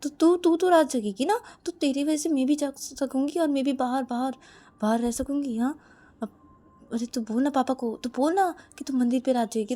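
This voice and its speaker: A woman voicing a loud, teasing older sister who scolds and coaxes fondly. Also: sits high, voice pushed up. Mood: coaxing. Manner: loud, nagging, fond scolding.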